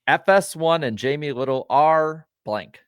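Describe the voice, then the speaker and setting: A man's voice: fairly high pitch, unhurried, clean tone, no echo, clean studio sound. A man co-hosting a podcast, talking casually and ramblingly about motorsport. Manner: rambling, many fillers and restarts. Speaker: podcast co-host.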